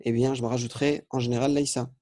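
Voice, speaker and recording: A man's voice: mid-range voice, flat delivery, fast talker, mellow, no echo, studio quality. A man teaching a recorded grammar lesson, explaining step by step, often repeating words and correcting himself.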